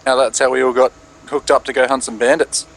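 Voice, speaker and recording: A man's voice: medium pitch, little pitch movement, brisk, gravelly, fairly bright tone. A man playing in a tabletop game, chatting casually and tossing in joking asides. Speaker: player.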